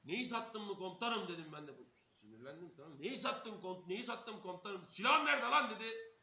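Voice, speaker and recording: Here a young man from Turkey streams a casual story in a high, expressive, sharp-toned voice at a moderate pace. He swears nonstop, performs every quoted line, and laughs while narrating. The recording comes through a streaming mic in an echoey room with a faint hiss.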